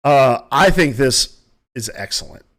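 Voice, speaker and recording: Country-accent guy riffing solo on his podcast at home, opinionated, keeps restarting sentences, mid-pitched voice. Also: animated, a little slow, a bit bright. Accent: Southern US country. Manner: rambling, self-correcting, opinionated. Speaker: podcast host. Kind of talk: casual solo commentary.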